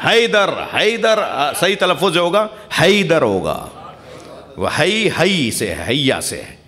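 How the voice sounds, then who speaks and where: Male preacher, slightly high voice, narrative sermon style, leads the gathering in blessings. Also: huge pitch swings, a bit bright. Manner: storytelling preaching, calls the crowd to recite blessings. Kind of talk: Shia majlis sermon. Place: imambargah hall.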